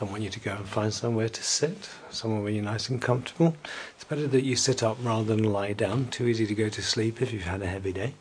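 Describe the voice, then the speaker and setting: A man leading a guided evening relaxation, speaking slowly and soothingly and at times sinking to a soft whisper. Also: on the low side, slight background noise.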